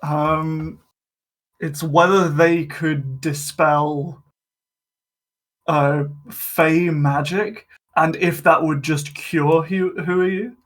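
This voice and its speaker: Male game player, casual and unhurried, hesitant delivery. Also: on the high side, steady tone. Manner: hesitant, halting. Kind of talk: casual game-table chat.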